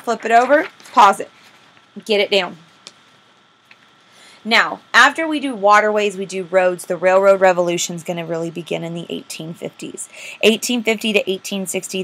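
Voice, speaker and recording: A woman teacher, giving a recorded lecture, asking the class questions and then answering them herself, slowing down on key terms. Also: medium pitch. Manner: slows down to stress key terms. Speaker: history teacher.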